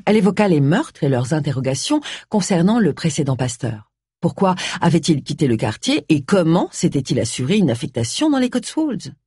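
Husky, expressive audiobook narrator, dry booth sound. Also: mid-range voice, fairly quick, no echo. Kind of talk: audiobook narration of a detective novel.

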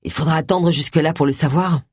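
A woman's voice: low-pitched, steady tone, fast, darkish tone, breathy edge, no room sound. A woman reading aloud voices a cheeky, sardonic man with a dry, teasing way of talking.

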